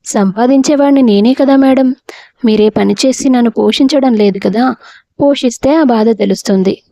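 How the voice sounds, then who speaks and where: A woman's voice: fairly high pitch, normal speed, dark tone, close to an everyday voice. A woman voicing a bitter, resentful young husband who snaps scornfully. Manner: scornful, snapping.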